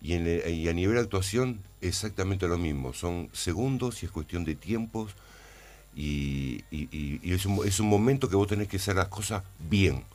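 An Argentine man, an actor in a casual interview, who speaks haltingly and often repeats words while searching for them. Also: sits low, lively intonation, a little mellow. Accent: Argentine Spanish.

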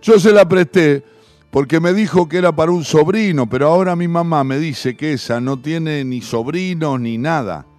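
A man voicing a cheeky blond boy shouting over a wall, with a Rioplatense accent. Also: fairly high pitch, moderate pace, no room sound, soft background music, pitched above the performer's own voice, close to an everyday voice. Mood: stubborn, teasing. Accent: Rioplatense Spanish. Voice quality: loud, insistent, teasing.

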